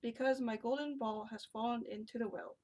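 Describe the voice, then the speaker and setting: A woman's voice: fairly high pitch, fairly even intonation, fairly quick, darkish tone, natural voice. A woman reading as a pleading young princess. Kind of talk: storybook reading.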